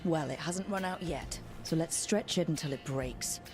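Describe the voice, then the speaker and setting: A woman's voice: low-pitched, moderate pace, lightly acted. An actress playing a bold woman companion in a video game cutscene, speaking bluntly over music. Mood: wry.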